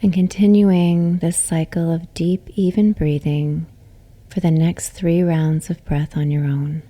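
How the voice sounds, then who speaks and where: Guiding listeners through a yoga nidra relaxation, this female teacher sounds deep and steady. She speaks gently and without hurry, letting each phrase fade out soft and breathy.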